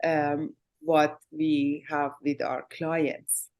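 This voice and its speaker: This is a woman with a Persian accent hosting a conversation. Her voice sits a touch low, and she speaks warmly. She often pauses on fillers and restarts her sentences. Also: flat delivery. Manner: warm, hesitant with many fillers and restarts. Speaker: host. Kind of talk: interview conversation.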